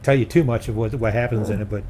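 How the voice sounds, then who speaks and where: Folksy middle-aged man, low-voiced. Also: steady tone, fast, darkish tone, slight background noise. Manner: chatty, repeats himself, folksy. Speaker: theater review host. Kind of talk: casual chat.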